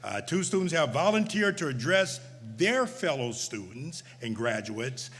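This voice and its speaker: A man's voice: a little high, sing-song, unhurried, fairly bright tone, slightly rough. A middle-aged man hosting a graduation ceremony, speaking casually with stammers, restarts and laughing asides. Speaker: ceremony host. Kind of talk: ceremony remarks. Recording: reverberant hall, faint noise.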